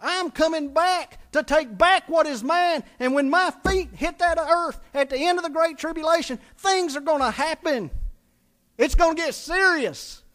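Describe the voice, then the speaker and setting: A man's voice: very high voice, normal speed, fairly bright tone, voice pushed up. A man voicing the returning Lord within his sermon, solemn and proclaiming. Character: returning Lord speaking, male, solemn and mighty.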